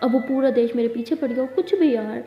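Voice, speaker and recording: A woman's voice: on the high side, fairly quick, reverberant, lo-fi sound, lightly acted. A woman voicing a carefree young student who brushes off worries with a teasing, dismissive tone.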